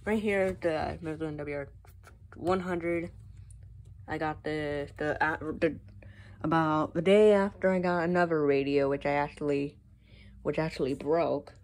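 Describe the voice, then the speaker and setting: A young American hobbyist vlogger gives a casual show-and-tell of her collection at home, filming on a handheld phone that makes a noisy recording. Her voice sits low and darkish, with a steady tone and measured pace.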